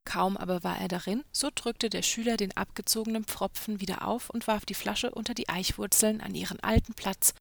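A woman reading a fairy tale aloud in a measured storytelling manner. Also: mid-range voice, fairly even intonation, creaky.

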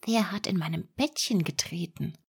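A woman's voice: on the low side, normal speed, creaky, breathy edge, exaggerated voice. A woman voicing seven small kindly male dwarfs in a whispered role-play, asking earnest questions. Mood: puzzled.

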